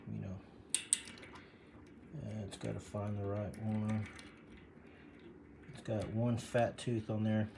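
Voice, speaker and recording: A man's voice: lowish voice, background noise. A man explaining a bike repair in a casual, rambling way, full of fillers, breathing hard from leaning over. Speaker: bike mechanic demonstrating a repair. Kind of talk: casual how-to video.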